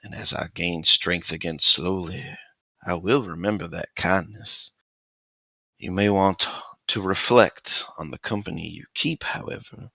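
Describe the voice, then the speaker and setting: A man voicing a smug, menacing skeletal undead figure in a cloak, speaking softly and slipping into whispers. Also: sits low, a little slow, gravelly, no echo, dull audio, full character voice.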